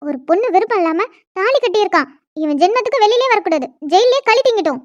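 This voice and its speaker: A woman voicing a furious young woman in a cartoon who scolds and complains with shrill indignation. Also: lively intonation, fast, no echo, highs cut off. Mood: indignant. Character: young woman, furious, newly forced into marriage. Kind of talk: cartoon dialogue.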